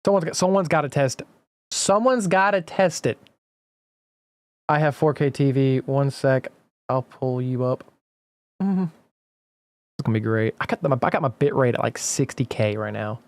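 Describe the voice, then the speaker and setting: A man's voice: mid-range voice, brisk, dry recording. Brief: male streamer, casual profane game commentary, dry close mic. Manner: excitable, profane, talks to his chat.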